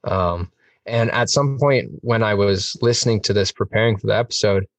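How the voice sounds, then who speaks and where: A man's voice: on the low side, normal speed, dry recording, far from the mic. A man chatting on a music podcast, enthusiastic and rambling, with lots of fillers. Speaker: podcast host. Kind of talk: casual music podcast chat.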